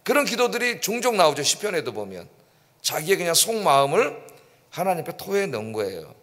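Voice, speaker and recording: A man pastor preaching a midweek sermon in an animated way, acting out prayers and questioning the congregation. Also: sits high, a little fast. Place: church sanctuary. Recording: long church reverb.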